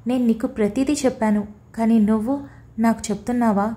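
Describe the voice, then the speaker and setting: A woman's voice: on the high side, steady tone, brisk, mellow, close to an everyday voice. A woman voicing a young wife, tearful and fiery, speaking in sobbing, accusing reproach in an audiobook story. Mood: hurt. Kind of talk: audiobook character voice.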